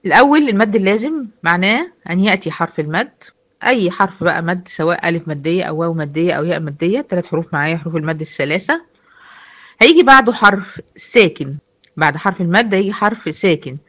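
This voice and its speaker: A woman's voice: lowish voice, animated, fast talker, fairly bright tone. A woman with an Egyptian Arabic accent teaching a recitation class online. She explains step by step, asks her students questions and answers them herself. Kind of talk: online lecture.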